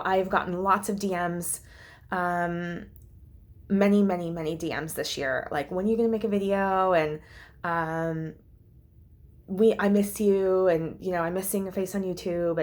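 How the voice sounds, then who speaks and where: A woman vlogging a heartfelt, rambling personal update, full of fillers and restarts and close to tears at times. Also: fairly low pitch. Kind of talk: casual vlog update.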